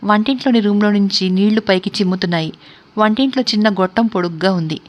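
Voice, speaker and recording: A woman storyteller reading a story aloud in a steady, measured way. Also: mid-range voice, lo-fi sound. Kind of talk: scripted narration of a story.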